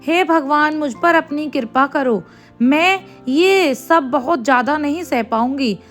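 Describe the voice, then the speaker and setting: A woman voicing a gentle, meek young daughter-in-law in a storybook tale, speaking in a soft, pleading way. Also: sits high, measured pace, faint music behind. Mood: despairing. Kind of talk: storybook voice acting.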